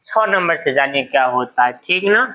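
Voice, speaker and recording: A woman's voice: extremely low pitch, animated, normal speed, pushed and bright, rough recording. A woman teacher giving a grammar lesson, repeatedly asking a question and answering it herself. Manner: drills by asking and answering her own questions.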